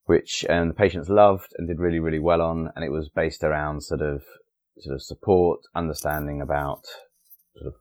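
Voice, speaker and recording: A man's voice: rumbling low, steady tone, normal speed, a little mellow. A middle-aged man answering interview questions conversationally, often hesitating and rephrasing as he goes. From Essex, England. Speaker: guest, family doctor.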